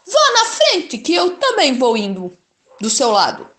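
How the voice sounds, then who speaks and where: A woman voicing a big, clumsy male monster in a children's story, speaking in drawn-out, booming tones. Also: wildly swooping pitch, fairly bright tone, roomy sound, heavily acted. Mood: doubtful.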